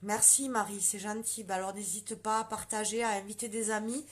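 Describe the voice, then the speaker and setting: A woman's voice: medium pitch, fairly even intonation, brisk. A woman with a southwestern French accent, chatting casually on a makeup live stream and answering viewer comments. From Lot, southwestern France.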